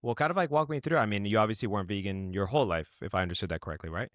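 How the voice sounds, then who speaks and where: A man's voice: fairly low pitch, very fast, no echo, clean studio sound. A man hosting a casual interview, reacting often and asking questions with lots of fillers. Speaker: podcast host.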